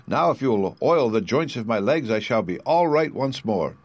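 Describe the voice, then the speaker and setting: A man voicing a polite, grateful rusted tin man, with a slow, stiff, pleading delivery. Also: mid-range voice, expressive, dry recording, close to an everyday voice.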